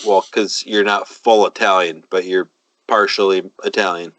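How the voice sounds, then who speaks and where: A man's voice: deep voice, fairly even intonation, a bit bright, no room sound, rough recording. A man, co-hosting a casual chat and confidently handing out cooking advice. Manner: confident, advice-giving, drawn-out emphasis. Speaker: podcast co-host.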